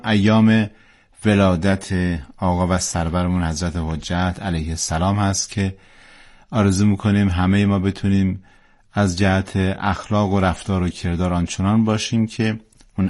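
Male radio host, very low voice, formal devout announcing. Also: fairly even intonation, a little mellow. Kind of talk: radio presenting.

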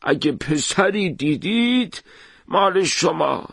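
Guy voicing a gentle old man, slow soft talk, kinda high, dry sound. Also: lively intonation, vocal fry, slightly rough, no room sound, exaggerated voice. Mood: calm, puzzled. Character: gentle, patient old man, grieving father. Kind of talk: audiobook character voice.

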